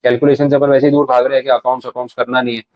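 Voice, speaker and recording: A man's voice: mid-range voice, flat delivery, dry recording, dull audio. A man giving a live revision lecture in a chatty way, acting out short bits of dialogue. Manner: fast, conversational, acts out little dialogues.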